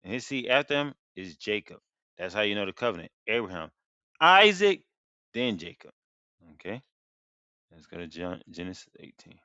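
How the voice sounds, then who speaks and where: A man's voice: fairly low pitch, big pitch swings, moderate pace, pauses often, sharp tone, clean tone, no echo. A man teaching a Bible lesson, reading verses and then paraphrasing them in everyday slang. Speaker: street preacher teaching scripture. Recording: dry, dull lo-fi sound.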